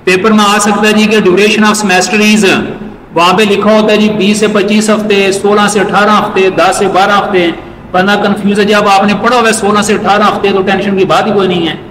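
A man teaching an exam-prep class, repeating each point and reading English lines slowly. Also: high-pitched, level tone, a bit bright. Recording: echoey hall with faint noise.

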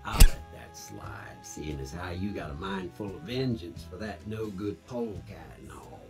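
A man's voice: deep voice, normal speed, natural voice. A man voicing a friendly cowboy robot in a video game, with a Western US cowboy drawl and folksy, easygoing sayings. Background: game music.

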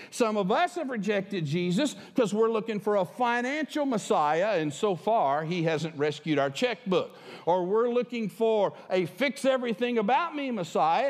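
An older man preaching with a high, lively voice that swoops up and down as he makes his points. He moves across a large church stage with a headset mic, and his voice trails off into a long hall reverb. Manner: animated, emphatic preaching with wide gestures. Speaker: pastor. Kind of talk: sermon.

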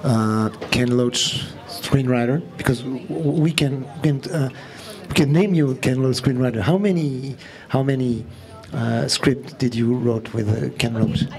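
A man hosting a live event introduces his guest in halting, English, repeating words as he searches for phrasing. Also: medium pitch, darkish tone. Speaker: host, moderator. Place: outdoor terrace before a small audience.

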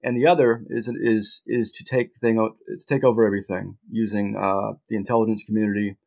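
A middle-aged man, a journalist guest in a casual interview, talking in halting bursts with many restarts and dry asides. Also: on the low side, flat delivery, vocal fry, a little mellow.

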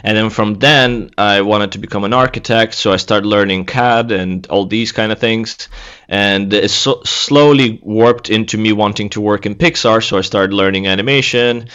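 A man in his thirties from Latvia, a guest artist chatting casually in an interview, relaxed and laughing easily. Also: on the low side, normal speed, smooth, dull audio. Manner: relaxed, laughs easily, speaks in loose restarts. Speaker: guest, senior environment artist.

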